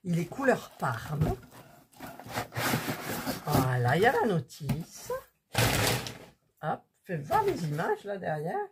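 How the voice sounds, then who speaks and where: A woman's voice: lowish voice, wildly swooping pitch, takes it slowly, long pauses, very noisy. A woman chatting casually to her viewers while unpacking and trying out things she bought. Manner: chatty, talks to viewers while fiddling with items. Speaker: vlogger showing purchases. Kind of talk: casual haul chat.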